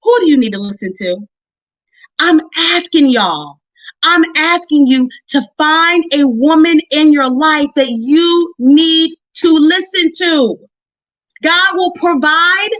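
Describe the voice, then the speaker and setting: Over a live video stream, a high-pitched woman preacher gives a slow motivational Bible message, her tone fairly bright. The recording is dry and a little dull, with no room sound. Folksy and conversational, she talks straight to women and drives each point home through repeated phrases.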